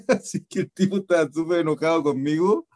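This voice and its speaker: A man from Chile with a Chilean Spanish accent, a radio guest telling a story in an animated way. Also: fairly high pitch, normal speed, no echo. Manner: animated storyteller, acts out voices. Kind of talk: casual anecdote telling.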